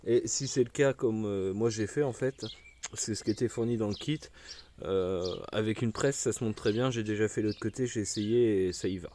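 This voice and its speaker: A man's voice: fairly low pitch, normal speed, warm tone, slight background noise. A man casually explaining a car repair step by step, informal and slangy, talking straight to the viewer. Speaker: car mechanic tutorial host.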